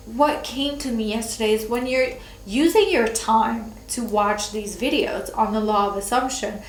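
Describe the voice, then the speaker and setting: A young woman chats casually to camera on her own channel, her fairly high voice nasal and stuffed up from a cold. She uses lots of fillers and laughs between words. The rough recording has an echoey room and slight hiss or hum.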